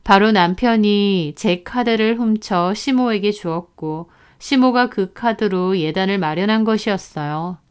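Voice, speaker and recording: A woman's voice: mid-range voice, clear, resonant tone. A woman narrating a first-person story in an aggrieved, recounting manner.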